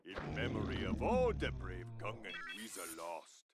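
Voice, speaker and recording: A man's voice: lowish voice, wildly swooping pitch, moderate pace, over music. A man playing an earnest, indignant amphibian alien village leader in a video game, declaiming in broken pidgin. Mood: determined. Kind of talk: cartoonish video game character acting. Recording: very noisy game audio.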